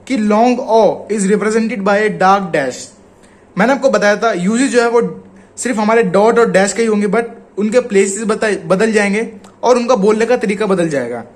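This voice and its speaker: This is a laid-back spoken lesson from a shorthand teacher whose Indian Hindi accent comes through clearly. He has a fairly high voice for a man and patiently elongates the example words as he explains.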